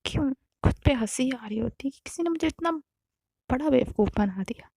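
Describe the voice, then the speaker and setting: A woman's voice: high voice, expressive, brisk, creaky, a little mellow, dry recording. A woman narrating a story in a casual, half-whispered way.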